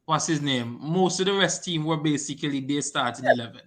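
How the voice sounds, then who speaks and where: Man, bright tense voice, casual football chat, insistent, repeats himself when riled. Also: fairly high pitch, brisk. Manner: argumentative, gets loud and repetitive when heated. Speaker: podcast co-host, Arsenal fan.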